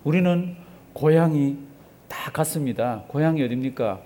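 Here the preacher's voice sits on the high side, animated yet mellow, and he talks a little slowly. In a conversational sermon, he puts rhetorical questions to the congregation, gets them to answer, and repeats phrases for emphasis.

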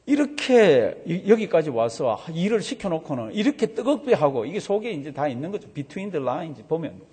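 A male pastor preaches with a lively, swooping delivery and a somewhat high voice. His tone is husky and mellow. Long reverb from the hall trails behind each phrase. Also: normal speed. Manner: animated storytelling with vivid sound words. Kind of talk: sermon.

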